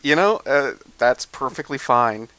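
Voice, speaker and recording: A man's voice: medium pitch, expressive, measured pace, bright, forceful tone, smooth, no room sound. A man running a tabletop game, chatting casually with his players after the session, easygoing and self-deprecating with many fillers. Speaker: game master. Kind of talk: casual post-game chat.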